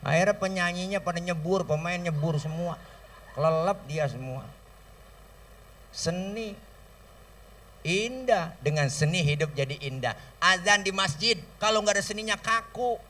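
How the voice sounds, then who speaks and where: A man with a Betawi accent giving a comic sermon from a stage, telling stories lively and mimicking sounds and voices. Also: sits high, unhurried, long pauses, distant mic. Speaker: preacher. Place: stage at an outdoor school celebration. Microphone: stage microphone through a sound system.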